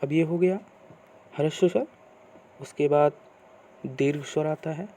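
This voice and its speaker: A man teaching a grammar lesson, asking questions and answering them himself in slow, repeated teacherly phrasing. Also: on the high side, steady tone, mellow, a little hiss or hum.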